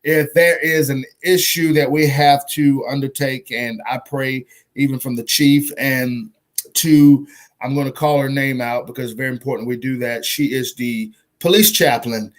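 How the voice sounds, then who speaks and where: A man's voice: medium pitch, steady tone, normal speed. Fervent man hosting a podcast. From North Carolina. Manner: fervent, preacher-like, emphatic. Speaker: podcast host. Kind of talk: podcast interview and closing prayer.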